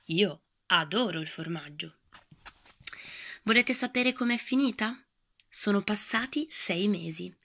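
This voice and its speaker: A woman reads a children's story aloud with gravelly, husky warmth, and much of the telling slips into a hushed whisper. Her pitch sits in an ordinary middle range. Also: measured pace, pauses often. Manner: lively storytelling, often dropping to a whisper. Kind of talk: reading a children's book aloud.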